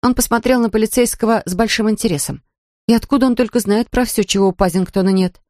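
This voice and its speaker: A man narrating a children's story audiobook in a calm, even storytelling manner. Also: sits high, quick pace, dry recording, clean studio sound.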